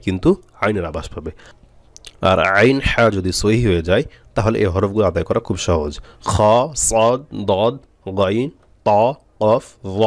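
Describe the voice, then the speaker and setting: A man's voice: lowish voice, no echo. A man teaching Quran reading step by step, spelling out letters and repeating syllables for his students to drill. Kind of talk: step-by-step recitation lesson.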